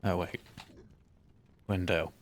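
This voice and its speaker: Deep-voiced man streaming a game. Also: steady tone, slow pace. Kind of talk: casual gameplay commentary.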